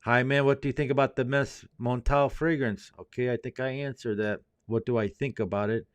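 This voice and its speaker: A man's voice: mid-range voice, fairly even intonation, a little fast, dry recording. A man hosting a fragrance livestream, reading viewer comments aloud and answering them in a laid-back, rambling, chatty way. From Indianapolis, US. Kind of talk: casual live chat reading viewer comments.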